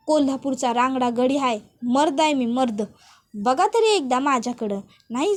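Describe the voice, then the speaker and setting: A woman voicing a brash, bullying young village man who talks in a rough rural dialect and taunts. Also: high-pitched, lightly acted.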